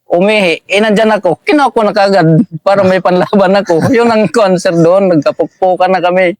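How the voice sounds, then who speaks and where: A man tells his wartime escape in a somewhat high voice, deferentially tucking "sir" into nearly every phrase. The sound is dry and close. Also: brisk, dry recording. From Eastern Samar, Philippines. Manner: deferential, says "sir" constantly. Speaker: militiaman guest. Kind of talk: recounting a war story.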